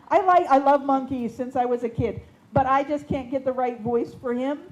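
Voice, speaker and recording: A woman's voice: sits high, unhurried, dark tone, highs cut off. A woman puppeteer explaining casually how she finds voices for her puppets. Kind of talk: casual workshop talk. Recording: faint background noise.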